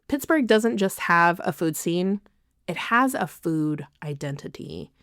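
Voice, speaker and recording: In a slow scripted monologue, the podcast host, who lives in a city she isn't from, speaks in a lowish, smooth, slightly bright voice. Giggly and self-deprecating, she laughs off and apologizes for her slips, all captured in a close, dry recording.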